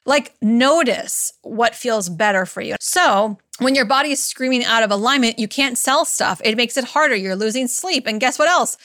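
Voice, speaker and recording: A woman's voice: on the high side, moderate pace, hardly any pauses, a bit bright, dry recording, clean studio sound. A woman hosting a solo podcast, talking casually and with emphasis, acting out quoted asides as she goes. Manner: chatty and emphatic, mimics voices in quoted asides. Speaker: podcast host and business coach.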